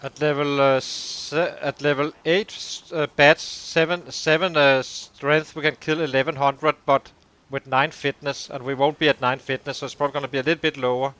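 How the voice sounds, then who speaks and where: Bright-voiced man thinking aloud over a game. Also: fairly high pitch, flat delivery, moderate pace. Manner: thinking aloud, working through numbers. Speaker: gaming channel host. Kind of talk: let's play commentary.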